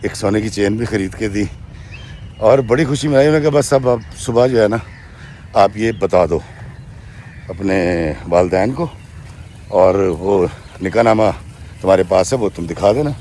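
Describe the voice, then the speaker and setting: Mellow-voiced male storyteller, unhurried. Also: lowish voice, a little hiss or hum. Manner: retells a woman's account in first person, often inserting "she says"; addresses listeners directly as friends. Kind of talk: narrating a true story to viewers.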